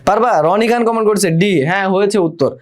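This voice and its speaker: High-voiced tutor quizzing students. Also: male voice, a little fast. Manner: quizzing, repeats questions, reads viewer comments aloud. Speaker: admission test tutor. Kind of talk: live online class.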